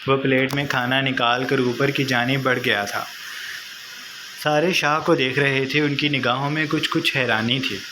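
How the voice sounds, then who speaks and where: A man reading a romance novel aloud in steady scripted narration. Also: medium pitch, normal speed. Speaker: novel reader. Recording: noisy home recording.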